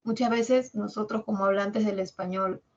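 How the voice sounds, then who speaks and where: A woman from Peru with a Peruvian Spanish accent, a language teacher giving a classroom lecture and slowly sounding out example words syllable by syllable. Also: mid-range voice, fairly even intonation, muffled recording. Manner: explains patiently, drawing out example words syllable by syllable.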